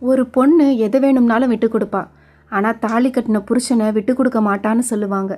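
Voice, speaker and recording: Bitter jealous wife snapping fast, a bit high, as a lady storyteller puts her on. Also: fairly even intonation, soft background music, natural voice. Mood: angry scolding. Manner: sharp, scolding, quick. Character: angry jealous wife, adult woman.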